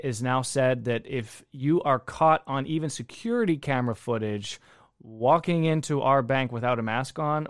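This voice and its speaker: A man hosting a casual talk show, energetic and jokey, with quick asides. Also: medium pitch, clear, resonant tone, dry recording, studio quality. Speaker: podcast host.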